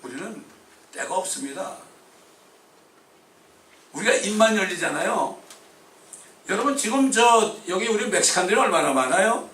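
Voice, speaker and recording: A male pastor delivers a fervent sermon in a bright, forceful voice that sits a touch high. He swings from calm talk to sudden shouts. The sound is echoey and distant, as if picked up from across a church hall, with faint ambience behind him. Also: normal speed, pauses often.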